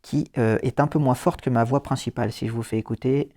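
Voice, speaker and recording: A man talks through phone settings in an easygoing tutorial voice, pausing on fillers. His pitch sits in an ordinary middle range. He slips in the occasional dry joke. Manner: relaxed explainer with fillers and dry asides. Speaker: host. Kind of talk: casual screen-reader tutorial.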